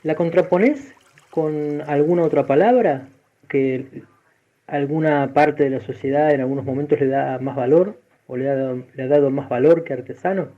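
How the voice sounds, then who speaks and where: A man's voice: a little high, normal speed. An Argentine man interviewing a guest, asking a long, carefully framed question. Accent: Argentine Spanish. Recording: tinny phone-like line.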